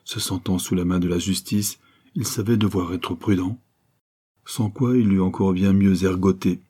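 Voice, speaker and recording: A man reading a novel aloud in steady, scripted narration. His voice is low and dark, with a husky grain. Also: moderate pace. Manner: steady storytelling. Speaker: audiobook reader.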